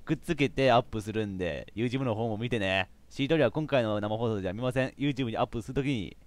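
A man with a commentating a live game stream, animated, often laughing and shouting. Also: mid-range voice, fast talker, no room sound. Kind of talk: live let's play commentary.

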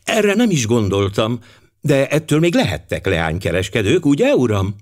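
A man voicing an excitable, gullible young housemaid in an audiobook, eager and quick to gush. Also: medium pitch, voice pushed up. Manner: breathless, eager.

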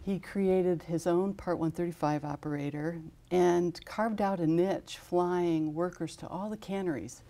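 American woman in her fifties, low pitch, mellow tone, steady informative studio guest, lapel mic. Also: measured pace, few pauses. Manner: steady, informative, with frequent fillers. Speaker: guest from an aviation safety foundation. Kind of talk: studio interview, listing honorees. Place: television studio.

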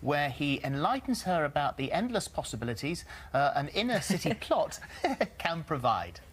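A woman's voice: sits low, sing-song, moderate pace, slight background noise. A woman presenting breakfast television, giggly and often breaking into laughter. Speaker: TV host. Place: TV studio.

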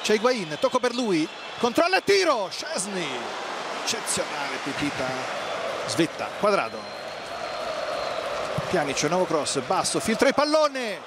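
Guy calling a soccer match, really high voice that swoops around, urgent choppy excited phrases. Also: measured pace, long pauses. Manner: excited, urgent delivery in clipped phrases, rising to shouted goal calls. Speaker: football play-by-play commentator. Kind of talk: live Italian football match commentary. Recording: loud stadium noise behind. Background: stadium crowd and match ambience.

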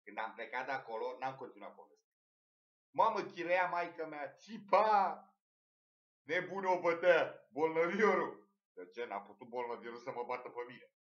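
High-voiced man telling crude comic stories. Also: animated, fairly bright tone. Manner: rambling, vulgar storytelling. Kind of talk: crude stand-up comedy monologue. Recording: echoey room, dull lo-fi sound.

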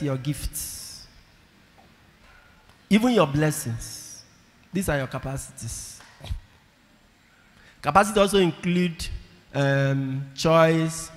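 Man, priest preaching, slightly high voice, long church reverb, emphatic repetitions. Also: a bit bright. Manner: emphatic, repeats key phrases, calls for audience responses. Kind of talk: sermon. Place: large church with congregation. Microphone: handheld microphone.

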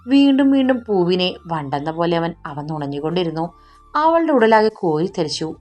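Woman narrator for a romance audiobook: soft, even delivery, lowish voice, faint music bed. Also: fairly quick. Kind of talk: scripted romance story narration.

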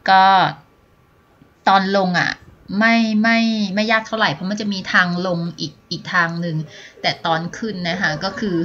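Out on a mountain trail, a vlogger chats politely about her hike, using plenty of filler sounds while holding her phone camera at arm's length. Her voice is medium-pitched, bright, and forceful, but the audio comes across dull.

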